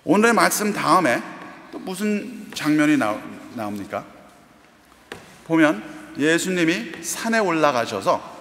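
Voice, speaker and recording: A man's voice: a little high, big pitch swings, measured pace, fairly bright tone, slight background noise. A middle-aged man preaching a sermon as pastor, telling stories earnestly and asking the congregation questions. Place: church sanctuary. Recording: echoey church hall reverb.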